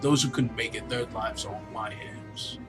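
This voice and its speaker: A man voicing a weary male alien mine overseer who speaks haltingly, with many pauses and restarts. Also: mid-range voice, fairly even intonation, natural voice, low-quality recording. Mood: grave. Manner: hesitant, halting, full of pauses. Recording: music playing behind.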